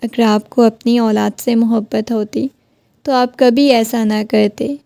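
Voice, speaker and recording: A woman's voice: fairly high pitch, steady tone, vocal fry, dark tone, dry recording. A woman voicing a heartbroken young wife who keeps pleading with her husband. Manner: pleading, questioning.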